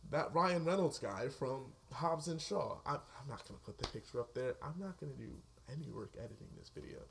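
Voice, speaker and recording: Excitable, swearing man reviewing a movie. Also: fairly high pitch, gravelly, slight background noise. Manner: excitable, profane, laughs often mid-sentence. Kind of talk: casual spoken movie review.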